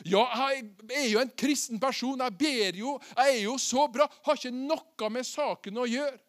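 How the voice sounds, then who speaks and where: A preacher acting out a doubting apostle Peter, high-voiced. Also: male voice. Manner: anxious self-questioning. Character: the apostle Peter, a grown man torn between faith and doubt.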